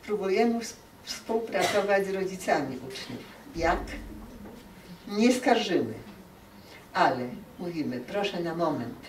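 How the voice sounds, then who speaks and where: A woman lectures a room of teachers in a lively, animated manner, slipping into quoted voices of parents and children. Her voice sits a little low for a woman. It is recorded from across an echoey hall, with faint room noise behind her. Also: unhurried, far from the mic. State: dry throat.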